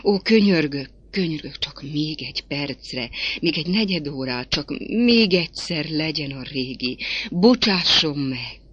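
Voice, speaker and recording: A man's voice: on the high side, bright, forceful tone, slightly rough, no room sound, full character voice. A man playing a desperate, ardent marquis. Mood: begging. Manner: passionate, beseeching. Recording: dull lo-fi recording.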